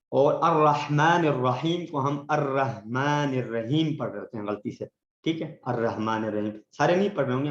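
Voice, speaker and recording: A man teaches Quran recitation in a patient lesson, checking in often with his listeners. He slows down to recite verses as examples. The sound is roomy and dull, like a lo-fi recording. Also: medium pitch. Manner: explains patiently, often checks with "theek hai?". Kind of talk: online tajweed lesson in Urdu.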